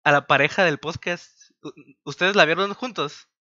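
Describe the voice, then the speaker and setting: Male podcaster, bright close voice, dry sound, animated. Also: fairly high pitch, moderate pace, dry recording. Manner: animated, acts out quotes. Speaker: podcast panelist. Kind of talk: casual movie chat. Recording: dull lo-fi.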